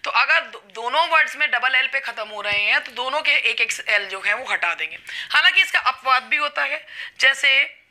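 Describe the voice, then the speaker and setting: Lady teacher, high bright voice, goes slow and stretches the example words out. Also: expressive. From India. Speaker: English teacher. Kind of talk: classroom lesson.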